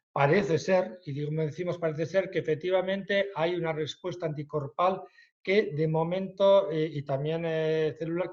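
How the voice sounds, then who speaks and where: Male medical expert, Spanish accent, fairly high voice, hesitant, muffled online audio. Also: a little mellow. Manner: hesitant, many fillers, then quick explanations. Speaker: medical expert answering questions. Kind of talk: webinar Q&A.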